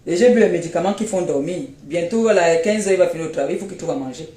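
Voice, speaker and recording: Tired and unwell, a woman with a Cameroonian French accent scolds and mocks someone over and over during a phone live stream. Her lowish, mellow voice moves at a quick pace and sounds reverberant.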